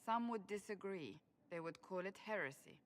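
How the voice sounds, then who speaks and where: Low, firm and measured, an actress's natural, animated voice portrays a devout, stern woman warrior in a video game. Her delivery comes across as proud and earnest.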